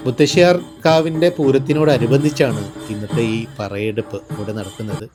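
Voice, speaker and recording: A man from Kerala with a Kerala accent narrates a descriptive vlog in a reflective, measured way, phrase by phrase. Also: mid-range voice. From Palakkad district, Kerala, India. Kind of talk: descriptive vlog narration of local temple customs. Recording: voice-over with music behind. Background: music.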